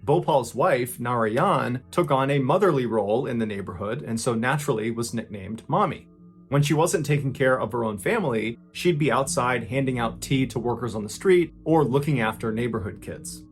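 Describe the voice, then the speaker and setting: Male podcast narrator, middle pitch, dramatic suspense delivery, soft music bed. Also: normal speed. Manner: suspenseful, swells louder at tense moments and drops low at grim ones. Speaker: podcast host and storyteller. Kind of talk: dramatic true-crime narration.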